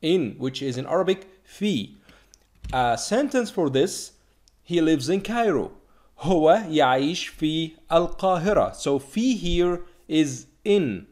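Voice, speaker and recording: A man from Egypt, teaching a language lesson and slowly repeating each word to drill it. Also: on the high side, expressive, a little mellow. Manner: slow, repeated drilling of words. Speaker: Arabic teacher.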